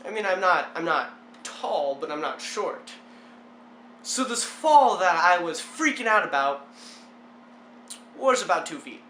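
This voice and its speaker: A man's voice: high-pitched, very animated, measured pace, long pauses, sharp tone, a little hiss or hum. A young man telling a comic story about himself in a rambling, self-mocking way. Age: young adult. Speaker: vlogger. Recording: echoey room.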